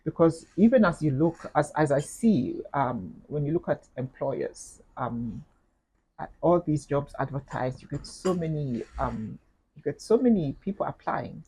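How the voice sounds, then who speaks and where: A middle-aged woman with a Kenyan accent, speaking as an interview guest in a measured, thoughtful way, with frequent fillers and repeated words. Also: deep voice, sing-song, warm tone, breathy edge, low-quality recording. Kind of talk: reflective interview conversation.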